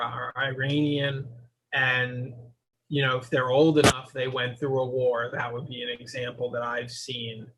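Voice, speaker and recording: A man speaking as a psychotherapist guest in an interview, explaining his ideas in a measured way. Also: mid-range voice, fairly bright tone, rough recording.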